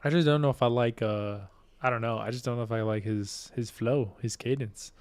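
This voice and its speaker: A man's voice: mid-range voice, a little fast, clear, resonant tone, no room sound. Sleepy chill guy on the pod, kinda hesitant, dry mic. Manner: laid-back, hesitant, reads chat. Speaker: podcast co-host. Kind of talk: casual chat.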